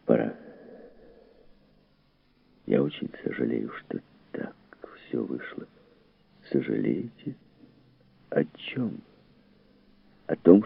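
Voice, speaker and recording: A man's voice: very deep voice, vocal fry, breathy edge, full character voice. A man putting on a frightened pleading old man. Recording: tinny phone-like dry recording.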